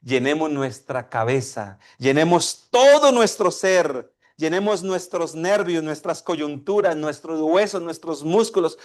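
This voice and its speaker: A man's voice: a little high, expressive, unhurried, hardly any pauses. A man preaching a sermon, asking his congregation questions and acting out a dialogue between a father and his child. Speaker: pastor.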